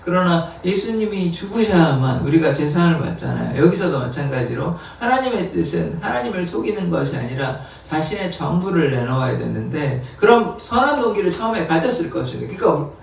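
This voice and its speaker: A man's voice: fairly high pitch, animated, fairly quick, creaky, few pauses. A man pastor giving an early-morning sermon, explaining scripture in plain words and acting out the quotes with a laugh. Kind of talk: dawn prayer sermon. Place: church sanctuary. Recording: echoey, distant church recording.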